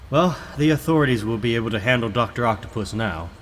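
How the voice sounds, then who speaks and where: A man's voice: mid-range voice, animated, moderate pace, slight background noise, natural voice. A man playing a determined young superhero who thinks aloud dramatically in a comic book reading. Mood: relieved, resolute. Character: earnest, determined young male superhero narrating his own fight. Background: loud music.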